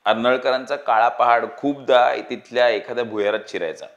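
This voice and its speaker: A man's voice: mid-range voice, steady tone, fairly quick, dull audio, close to an everyday voice. A man reading the part of a cocky young man who plans the job, self-assured and lecturing. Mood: confident.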